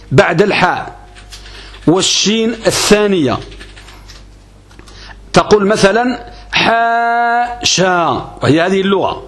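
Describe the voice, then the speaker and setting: A man gives a grammar lesson on a classical text. He is methodical, putting questions to his class and answering them himself. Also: sits high. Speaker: religious teacher.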